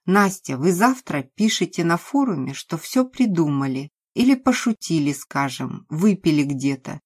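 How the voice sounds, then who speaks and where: A woman voicing a scheming woman who makes calm, falsely polite threats in an audiobook. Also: low voice, moderate pace, slightly rough, heavily acted. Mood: coldly calm.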